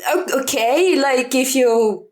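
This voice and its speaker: A young woman co-hosting a podcast in casual chat, excitable and jokey, recorded in an echoey room. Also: sits high, slow. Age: young adult. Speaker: podcast co-host. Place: echoey room in a newly moved-into home.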